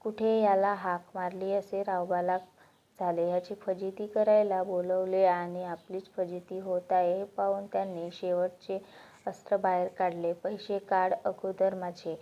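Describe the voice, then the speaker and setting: Woman narrating a story in a low flat voice. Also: measured pace. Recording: dull lo-fi recording.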